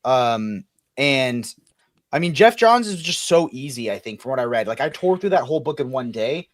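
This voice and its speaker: Man, host, mid pitch, casual, rambling, filler words. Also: big pitch swings, moderate pace, no room sound, clean studio sound. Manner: rambling, many fillers and restarts. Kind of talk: casual livestream chat.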